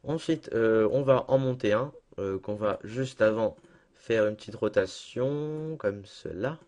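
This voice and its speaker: A young man talking through a casual screen-recorded software tutorial at his computer, chatty and self-deprecating, with lots of fillers. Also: lowish voice, unhurried. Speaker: tutorial maker.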